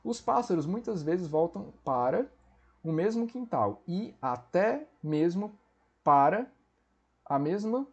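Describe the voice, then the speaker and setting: A man teaching a Portuguese grammar lesson for exam preparation, explaining step by step and checking in often with quick tag questions. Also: sits high, big pitch swings, husky, muffled recording.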